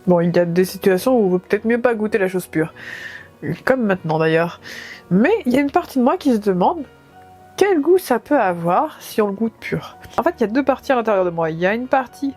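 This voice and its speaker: A woman's voice: mid-range voice, animated, normal speed, darkish tone, faint music behind. A woman talking casually to camera as a vlogger, with a wry, playfully dramatic way of speaking. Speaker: vlogger doing a food challenge.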